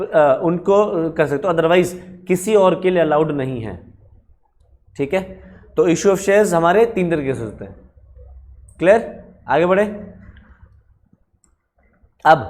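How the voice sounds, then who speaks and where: A man's voice: high-pitched, a little mellow. A man teaching accounting in a conversational classroom lecture, stopping often to quiz his students.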